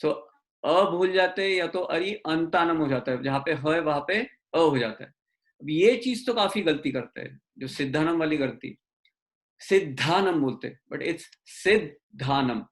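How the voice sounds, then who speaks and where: A man's voice: on the high side, lively intonation. Man teaching careful pronunciation on a video call. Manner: explains slowly, mixing English into Hindi, drawing out each syllable. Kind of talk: online class teaching.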